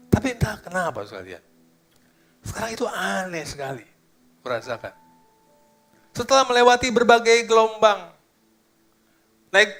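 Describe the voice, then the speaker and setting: A middle-aged male pastor preaching, dropping into hushed, slow musing and rising to loud, high exclamations, with English phrases mixed in. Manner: slips into English phrases and sings softly. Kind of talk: sermon. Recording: faint guitar music behind.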